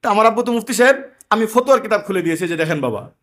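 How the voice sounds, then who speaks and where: Man, pitched high, preaching emphatically with stories. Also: lively intonation, very fast, a bit bright. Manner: emphatic, conversational sermon with anecdotes. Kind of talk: sermon.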